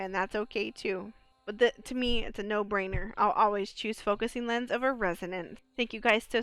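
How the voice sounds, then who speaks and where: A woman doing excitable gameplay commentary as a video creator. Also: fairly high pitch, clean tone, dry recording. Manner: excitable, exclaims during play.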